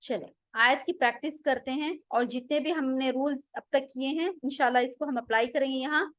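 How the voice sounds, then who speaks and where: A woman teaching Quran recitation rules, explaining patiently and drilling pronunciations slowly, one sound at a time. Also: high voice, steady tone, a bit bright, dry recording. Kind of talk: online tajweed lesson.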